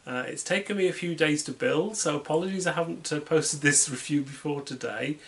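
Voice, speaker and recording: A British man giving a casual, unhurried product review at home, chatty and self-deprecating. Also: a little high, fairly bright tone, husky. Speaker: toy set reviewer. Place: home, at a tabletop.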